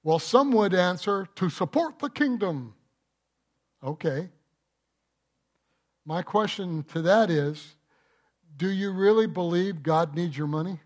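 Slow-preaching male pastor, emphatic. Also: high voice. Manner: emphatic preaching with rhetorical questions. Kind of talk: sermon. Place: church.

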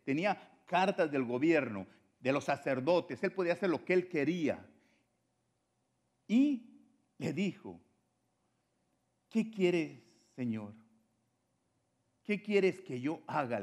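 A man's voice: a little high, big pitch swings, moderate pace. Spanish-speaking man preaching with swinging intensity. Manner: preaching with swings between loud exhortation and quiet drops. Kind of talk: sermon.

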